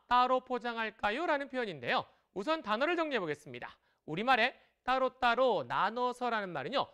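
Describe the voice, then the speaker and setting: A woman teaching Chinese in a broadcast lesson, lively and encouraging as she explains tones and patterns. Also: fairly high pitch.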